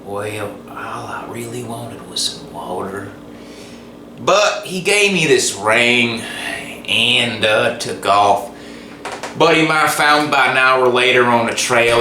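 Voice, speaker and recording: A man's voice: mid-range voice, unhurried, sharp tone. A man telling a rambling tall tale in a folksy, meandering way while he cooks, at times dropping to a whisper. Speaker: host cooking on camera. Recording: roomy, distant, noisy ambience.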